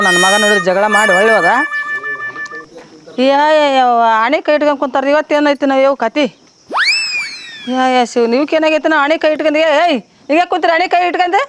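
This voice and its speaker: A woman, acting as a landlady in a village comedy, talking in a fast, scolding, exasperated way. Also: high-pitched, background noise. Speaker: landlady Gouramma.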